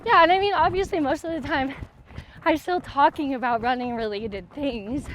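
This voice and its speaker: A woman's voice: high voice, moderate pace, a bit bright, a little hiss or hum. A woman talking casually while running outdoors, in an informal, hesitant way full of fillers. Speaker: athlete and vlog host. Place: outdoors, on a run.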